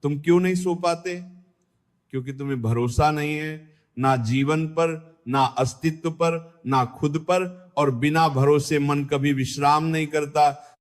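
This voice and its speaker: A man giving a calm spiritual discourse, speaking directly to the listener in a measured way. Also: a little high.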